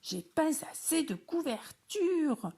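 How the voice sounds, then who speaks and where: A woman voicing a grumbling little boy frog, with a high, complaining childlike tone. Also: big pitch swings, slow pace, warm tone, heavily acted.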